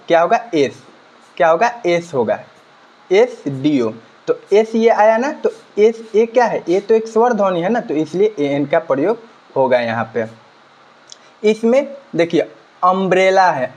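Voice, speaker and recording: A man's voice: sits high, a little mellow. A man teaching a grammar lesson, asking and answering his own questions and repeating key words. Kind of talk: grammar lesson explaining examples. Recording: slightly dull lo-fi recording.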